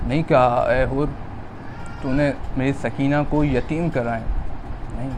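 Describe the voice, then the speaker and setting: A man from Pakistan giving a Muharram majlis sermon, retelling dialogue and rising into a loud, drawn-out lament. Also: mid-range voice, fairly even intonation, background noise. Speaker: preacher.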